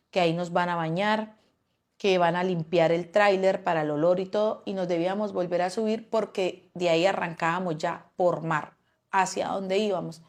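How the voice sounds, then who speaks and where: A woman's voice: fairly low pitch, darkish tone. A woman giving a personal testimony, often stopping and repeating words as she recounts events.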